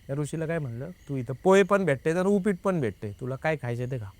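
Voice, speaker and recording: A man's voice: on the high side, fast, dry recording. A young man, a guest, telling a personal experience in casual conversation, acting out the dialogue and often adding "I said". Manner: lively, re-enacts dialogue with many "I said" tags. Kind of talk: casual spoken storytelling.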